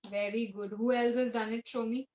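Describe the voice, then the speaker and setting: Indian lady teaching kids art online, talks real slow, a bit high, keeps repeating herself. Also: steady tone, darkish tone, poor audio. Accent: Indian English. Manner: patient, coaxing, repeats instructions, mixes Hindi and English. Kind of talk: online art class for children.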